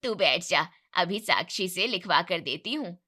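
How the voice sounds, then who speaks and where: A woman's voice: fairly low pitch, lively intonation, a little slow, pushed and bright, pitched below the performer's own voice, exaggerated voice. A woman voicing a commanding older mother-in-law who gives orders, in a storybook narration. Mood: bossy.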